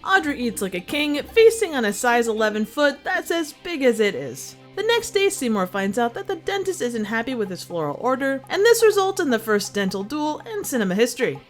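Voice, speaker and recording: A woman's voice: a little high, sing-song, fairly quick, hardly any pauses, faint music behind. A woman delivering a scripted comedic review with wry, wisecracking narration. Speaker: film review host.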